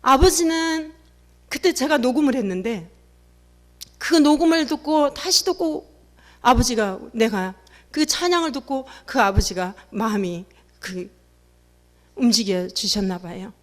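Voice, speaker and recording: A middle-aged woman giving an emotional testimony in a sermon, telling her story with animated, acted-out quotes. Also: fairly high pitch, measured pace.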